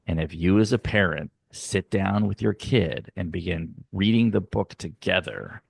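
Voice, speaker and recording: A middle-aged man with a very low, gravelly voice talks earnestly as an interview guest. He explains his ideas patiently, slowing down to stress key points. The sound is dry and close. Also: lively intonation, no room sound. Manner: earnest, explanatory, sometimes slow and emphatic. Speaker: guest, youth arts nonprofit leader. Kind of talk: conversational interview. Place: home, dog barking nearby.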